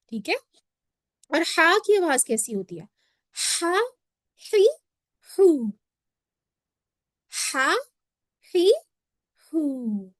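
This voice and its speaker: A woman gives an online recitation lesson in a fairly high voice. She explains each step patiently, keeps checking that the listener follows, and stretches out letter sounds slowly to demonstrate them. The close, dry recording has no room sound. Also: no echo. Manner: explains patiently, checks in with "theek hai?" after each point; demonstrates letter sounds in slow drawn-out syllables. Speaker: Quran recitation teacher.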